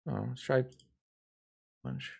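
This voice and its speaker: A man's voice: medium pitch, sing-song, takes it slowly, gravelly, breathy edge. A hungover man giving rambling, self-deprecating live commentary on a card game stream, swearing casually.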